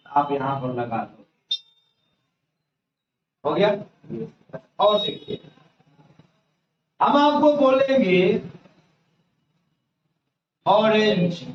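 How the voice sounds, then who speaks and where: Folksy teacher in an echoey classroom. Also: male voice, sits high, slight background noise. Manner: explains step by step, asks questions and answers them himself; folksy, colloquial teaching style. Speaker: English grammar teacher. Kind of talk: classroom lecture. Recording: echoey, distant, dull lo-fi classroom recording.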